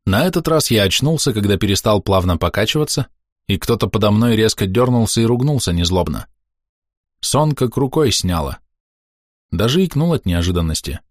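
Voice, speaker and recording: Male narrator, first-person novel reading, low voice, dry close sound. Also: dry recording. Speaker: audiobook narrator.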